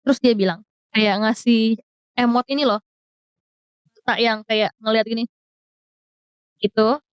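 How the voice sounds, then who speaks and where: A woman's voice: a little high, clean tone, no room sound, lo-fi sound. A young woman telling a storytime in casual, slang-heavy chat, mixing English words in. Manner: chatty, mixes English into slang-heavy Jakarta speech. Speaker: vlogger.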